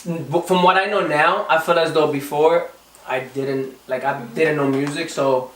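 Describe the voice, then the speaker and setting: A man's voice: a little high, fairly even intonation, measured pace, a bit bright, reverberant, far from the mic, low-quality recording. A young man from the Dominican Republic, a singer answering interview questions casually, often restarting and repeating words. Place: recording studio.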